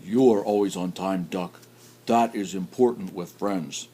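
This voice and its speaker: A man voicing a grumpy, punctual male bear who mutters low and sulkily. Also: measured pace, warm tone, husky. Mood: grumbling.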